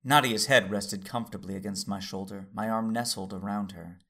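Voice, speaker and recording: In the role of a tender, calm Jedi master, a male actor narrates in first person, formal and measured, his fairly low voice gravelly and husky.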